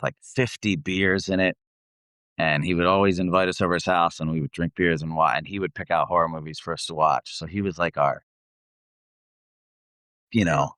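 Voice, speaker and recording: A low-sitting, slightly bright male voice comes through clean studio sound with no echo. He's a metal band vocalist appearing as an interview guest, chatting casually, rambling, poking fun at himself, and swearing now and then.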